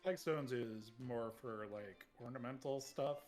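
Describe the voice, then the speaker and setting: A man running a tabletop game as game master, talking in a relaxed, hesitant way and laughing between lines. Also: mid-range voice, a little slow, soft background music.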